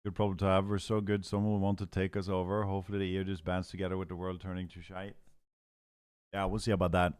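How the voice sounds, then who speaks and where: A man's voice: deep voice, monotone, fast talker, darkish tone, clean tone, no echo, clean studio sound. A man with a Norwegian accent, chatting casually on a game stream in a laid-back, profane way full of gamer slang. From Norway.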